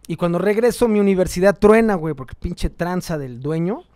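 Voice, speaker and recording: A man with a Mexican Spanish accent, a guest musician telling stories in an animated, slangy, profane way. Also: sits high, brisk, no room sound, clean studio sound. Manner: animated, slangy and profane, full of quoted voices. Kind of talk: casual storytelling.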